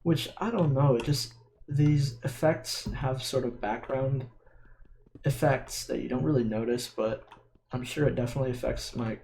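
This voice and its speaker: A man's voice: mid-range voice, normal speed, gravelly, a little mellow, slight background noise. A young man with a slight lisp on his S sounds, chatting casually and hesitantly while he plays a video game. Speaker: vlogger playing a video game. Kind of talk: casual rambling chat while gaming. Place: dim room at home at a computer. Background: keyboard and mouse clicking.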